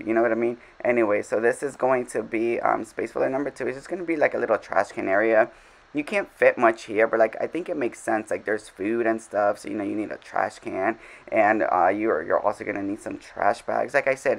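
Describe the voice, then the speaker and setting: A man's voice: fairly low pitch, gravelly, poor audio. A man giving casual, rambling commentary over his game, full of fillers and self-deprecating asides. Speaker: game vlogger.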